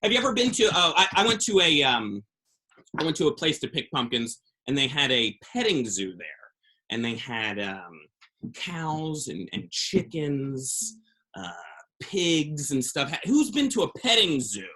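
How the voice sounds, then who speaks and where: Slow, goofy man talking to kids. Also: on the high side, sing-song, bright, forceful tone, low-quality recording. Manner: chatty, loose and goofy, many ums. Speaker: children's performer on a school visit. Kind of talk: playful talk to kids with sing-alongs. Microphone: video call. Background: his own acoustic guitar.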